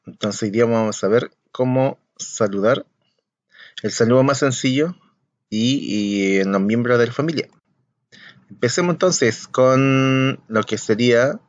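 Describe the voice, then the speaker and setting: A man with a Chilean Spanish accent teaches young children, saying each word slowly and then repeating it so they can copy him. His pace is unhurried and deliberate. The recording is dry and a little muffled. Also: on the low side, no room sound. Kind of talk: slow, patient language lesson for young children.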